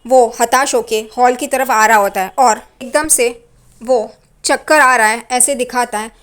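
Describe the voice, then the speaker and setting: A woman narrates a TV serial episode as a spoken recap. She retells it briskly and chattily, in a high voice. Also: a bit bright. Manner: brisk retelling with "yahan pe" asides.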